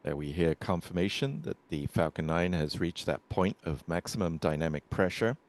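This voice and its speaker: A man giving measured, explanatory live commentary on a launch as a webcast commentator. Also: low voice, animated.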